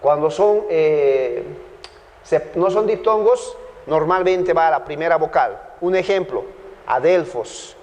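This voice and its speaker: A Bolivian man with a high voice gives a classroom lecture on biblical Greek grammar. He is patient, repeats his points and often stops to ask whether the class follows. His voice trails off into a long reverb. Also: expressive, takes it slowly, a little mellow. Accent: Bolivian Spanish.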